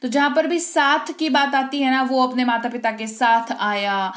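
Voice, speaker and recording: A woman with a bright, high-pitched voice teaches an online vocabulary lesson. She explains each point patiently and slows right down to dictate every example sentence. She keeps stopping to check whether her class has understood. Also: steady tone. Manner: asks the class quick check-in questions. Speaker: English teacher.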